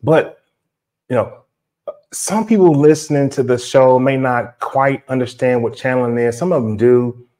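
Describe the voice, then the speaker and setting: A man hosting a casual spiritual interview, explaining and asking in a halting way. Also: medium pitch, mellow. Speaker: interview show host.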